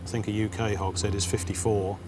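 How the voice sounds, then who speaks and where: Male quiz panelist, rapid reasoning aloud, lowish voice, noisy studio. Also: level tone. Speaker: quiz contestant. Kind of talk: quiz show answering.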